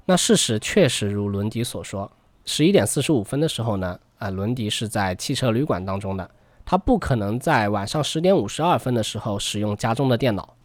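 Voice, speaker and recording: A man's voice: on the low side, animated, a little fast, dry recording. A man hosting a true crime podcast, narrating a case in conversational storyteller phrasing.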